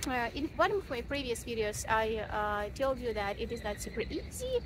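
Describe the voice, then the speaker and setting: A chatty Ukrainian woman, a native Russian speaker, vlogs by phone in a city park, with her high voice swinging widely in pitch. She pauses often, uses lots of fillers and laughs frequently, and the phone held at arm's length picks up clear ambient noise.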